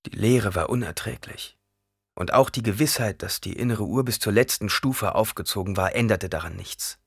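A man reading an audiobook aloud in a dramatic, expressive way. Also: on the low side, normal speed, gravelly, breathy edge, no room sound, clean studio sound. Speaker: narrator. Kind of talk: audiobook narration.

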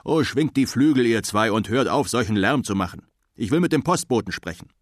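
Eccentric old moon man, voiced by a man, excitable, loud calls, dry close sound. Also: medium pitch, fairly quick, no echo, close to an everyday voice. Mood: brisk.

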